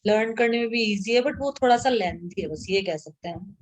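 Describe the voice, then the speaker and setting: A woman's voice: medium pitch, normal speed. A woman teaching a grammar lesson to a class, patiently repeating sounds aloud and checking that students follow.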